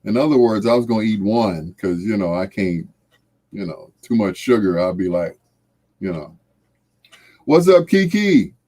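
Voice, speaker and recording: Jovial and casual, an American livestream host, middle-aged or older, talks to viewers at a normal speed, folksily stretching out and repeating phrases. His voice is on the low side with a dark tone, lively intonation and long pauses.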